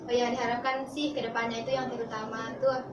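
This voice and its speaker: A woman's voice: fairly high pitch, flat delivery, fast talker, muffled recording. A teenage girl who directed a school film, answering interview questions shyly and politely. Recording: distant roomy mic with loud noise.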